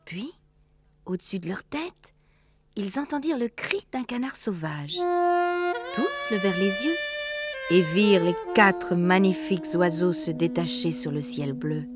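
Expressive woman narrating over faint music. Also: fairly low pitch, dry recording. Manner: expressive, hushed storytelling. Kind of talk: audiobook narration.

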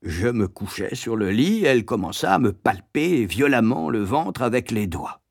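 Expressive male audiobook narrator. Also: mid-range voice, normal speed, vocal fry, husky, no room sound, clean studio sound. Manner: expressive, lively storytelling.

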